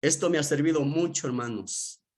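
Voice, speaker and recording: A male pastor giving an emotional testimony in a sermon, speaking slowly and earnestly to the congregation. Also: on the high side, darkish tone. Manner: slow, earnest, emotional preaching.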